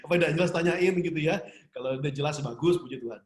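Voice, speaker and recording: A man's voice: a little high, fast talker, reverberant. A man giving an online business seminar in a chatty way, laughing often and asking the audience questions.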